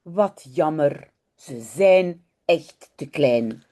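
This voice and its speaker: A woman's voice: low-pitched, expressive, drawn-out words, dark tone, voice pushed down, heavily acted. A woman voicing a proud little girl in a read-aloud children's storybook, with a lilting storybook voice. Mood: worried.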